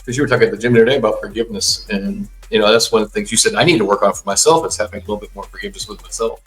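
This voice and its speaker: A man's voice: fairly low pitch, racing, faint music behind, rough recording. A man in his sixties, a guest in a casual conversation, who talks agreeably and often chimes in. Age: 60s.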